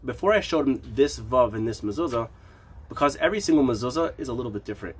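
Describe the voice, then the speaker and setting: A man's voice: medium pitch, expressive, fast. A man teaching like a rabbi in an informal, explanatory lesson, with a questioning manner of posing questions and answering them. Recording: clear background noise.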